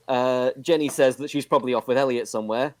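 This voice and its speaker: A man casually recapping a television episode on a podcast, with steady narration and frequent fillers. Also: mid-range voice, quick pace, no room sound. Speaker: podcast host recapping a show.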